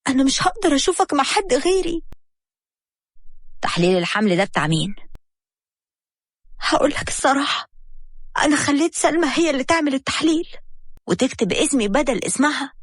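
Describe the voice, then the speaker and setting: Woman doing a high pleading young Egyptian wife. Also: no room sound, clean studio sound.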